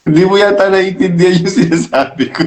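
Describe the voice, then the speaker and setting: Isang lalaking host ng channel sa kaswal na kuwentuhan, masigla at minsan nanenermon. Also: male voice, high-pitched, a little fast. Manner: animated, scolding when addressing critics. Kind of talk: casual chat. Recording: echoey room.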